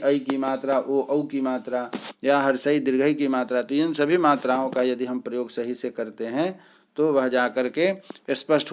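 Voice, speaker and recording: A man teaching an exam-prep lecture, explaining step by step with pauses and filler sounds. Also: medium pitch, slight background noise.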